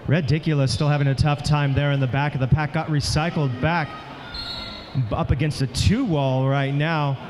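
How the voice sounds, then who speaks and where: A man serves as co-commentator at a roller derby bout, reading lineups and breaking down plays with energy. His voice sits a little higher than most men's. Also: fairly even intonation, moderate pace.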